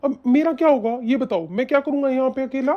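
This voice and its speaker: A woman's voice: sits high, fast, lo-fi sound, natural voice. A woman voicing a mild, peacemaking young husband and son in a cartoon, soothing in tone. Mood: placating.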